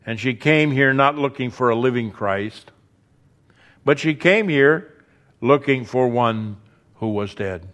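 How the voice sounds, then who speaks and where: A man preaching a sermon, earnest, building emphasis through repetition and dropping softly on key words. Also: mid-range voice, animated, takes it slowly.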